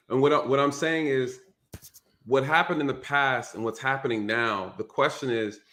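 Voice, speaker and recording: Hosting a casual live-streamed call-in show, this man has a medium-pitched, slightly bright voice. He hammers his points home emphatically, repeating them with a preacher's cadence.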